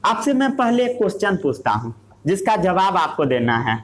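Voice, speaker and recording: A man's voice: sits high, big pitch swings, moderate pace. A male teacher giving a classroom science lesson. He asks rhetorical questions, answers them himself, and mixes English terms into his Hindi.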